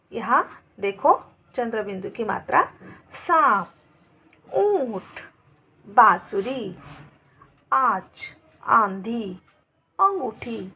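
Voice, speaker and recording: Slow, gravelly-voiced woman teaching. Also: a little high, fairly bright tone. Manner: slow, patient word-by-word dictation. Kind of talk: Hindi grammar lesson.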